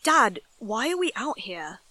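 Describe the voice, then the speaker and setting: Woman voicing a reluctant, bright-voiced young boy. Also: on the high side, big pitch swings, a little slow, dry recording, pitched above the performer's own voice, exaggerated voice. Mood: reluctant, doubtful. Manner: hesitant, grumbling, doubtful. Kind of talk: acted dialogue in a horror storybook reading.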